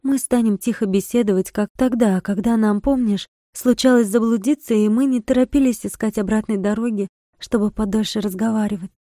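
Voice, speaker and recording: A wild, passionate young village girl, as a woman reading the story puts her on, pitched up and louder than the narration, her plea urgent and stubborn. Her tone stays mellow and soft-edged, and the sound is close and dry. It is storybook reading with real feeling in it. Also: fairly even intonation, fairly quick, hardly any pauses, no echo, natural voice. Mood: calm pleading. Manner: pleading, impassioned.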